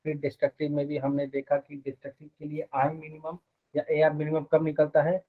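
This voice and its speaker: Male physics teacher, slightly high voice, thin phone-like sound, asks a lot of questions. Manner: explains step by step, quizzes students with quick questions. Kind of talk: live online class.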